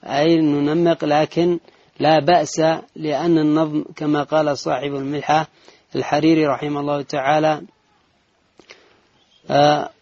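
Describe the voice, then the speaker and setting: A man reading a religious text aloud in a lesson, in a measured recitation with brief asides. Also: a little high, level tone, a little mellow, no echo. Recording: dull lo-fi dry recording.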